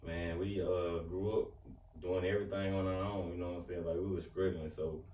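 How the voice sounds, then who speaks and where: Very deep, flat Southern man. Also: a little hiss or hum. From Alabama. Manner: slow, laid-back storytelling. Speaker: rapper guest. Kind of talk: casual interview. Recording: echoey room, mic at a distance, faint ambience.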